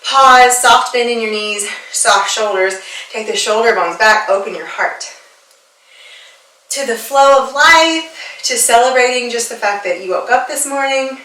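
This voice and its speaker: A woman's voice: a little high, measured pace, bright, forceful tone. A woman leading a yoga class as instructor and personal trainer, upbeat and playful, laughing often and a little out of breath as she moves with the class. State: slightly out of breath from exercising. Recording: echoey room, voice a bit far from the mic.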